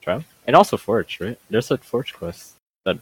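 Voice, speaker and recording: Playful man with a lively, bouncing voice. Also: medium pitch, moderate pace, breathy edge, no echo, rough recording. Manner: playful, giggly, teasing. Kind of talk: casual gaming chat.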